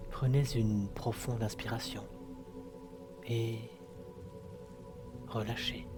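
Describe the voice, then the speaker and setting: Guy doing sultry hypnosis narration, really slow n hushed, soft music bed clearly under him. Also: mid-range voice, flat delivery. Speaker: hypnosis session guide. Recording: music behind the voice. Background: clear background music.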